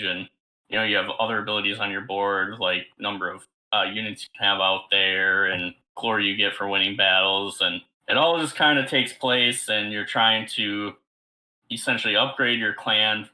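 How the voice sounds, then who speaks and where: Low-voiced man with a forceful tone. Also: poor audio. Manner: relaxed explaining, uses fillers. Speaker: podcast co-host. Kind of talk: casual chat.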